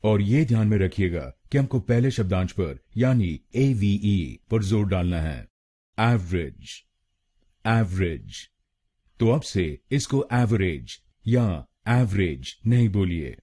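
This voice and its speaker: A man with an Indian accent leads a scripted pronunciation lesson at a very slow pace. His low, husky voice moves in a lively pitch as he repeats each syllable deliberately. The tone is mellow and relaxed. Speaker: pronunciation teacher.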